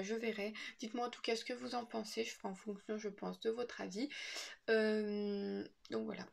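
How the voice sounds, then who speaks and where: Gravelly-voiced woman vlogging an unboxing. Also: medium pitch, slight background noise. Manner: hesitant, many "euh" fillers, unsure reading labels. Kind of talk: casual unboxing vlog.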